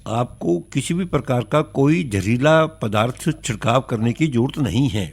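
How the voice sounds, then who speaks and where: A man's voice: medium pitch, lively intonation, normal speed, slightly rough. A North Indian man giving courteous, instructive advice as an expert on a phone-in, repeating key points. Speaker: agriculture expert.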